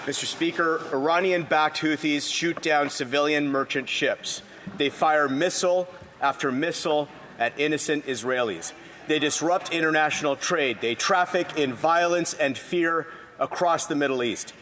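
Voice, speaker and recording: A man's voice: a little high, moderate pace, a bit bright, slight background noise. A Canadian man delivering a scripted opposition statement in parliament in terse, declarative sentences.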